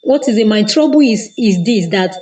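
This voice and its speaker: A woman's voice: mid-range voice, lively intonation, moderate pace, distant mic, a crowd in the background, low-quality recording. A woman calling into a live trading lesson, hesitant and groping for words as she asks her question. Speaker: caller asking a question.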